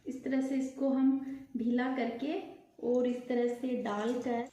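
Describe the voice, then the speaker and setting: A high-pitched woman walks viewers through each piece step by step, unhurried and patient in her pacing. Her voice is mellow and soft-edged, and it rings a little in an echoey room at home. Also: flat delivery, a little hiss or hum. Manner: slow step-by-step explaining. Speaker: vlogger.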